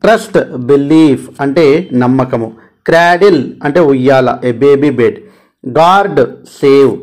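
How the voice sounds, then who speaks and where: A man's voice: medium pitch, darkish tone. Telugu-accented man teaching English grammar. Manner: repeats words for stress, switches between Telugu and slow English. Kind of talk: exam-prep grammar lesson.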